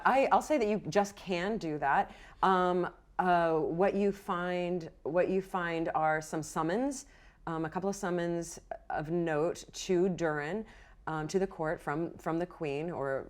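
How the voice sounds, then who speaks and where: A woman with a lowish voice runs a tabletop game as game master, improvising the narration in a halting way as she thinks aloud.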